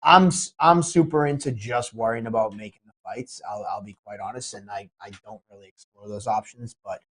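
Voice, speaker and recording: A man who promotes MMA talks briskly in a fairly low voice during a casual podcast chat. He's getting over a cold and sounds sniffly, and his excitable speech rambles with frequent restarts.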